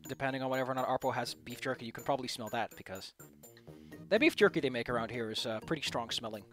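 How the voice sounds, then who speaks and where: A man's voice: mid-range voice, fast talker, fairly bright tone, soft background music. A man running a tabletop game as game master, talking casually with his players.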